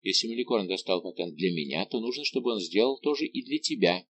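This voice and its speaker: A man's voice: lowish voice, animated, fast, fairly bright tone, slight background noise. A man reading an insistent, commanding young woman who teases her friend in an audiobook. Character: lively bossy young woman, a teasing friend.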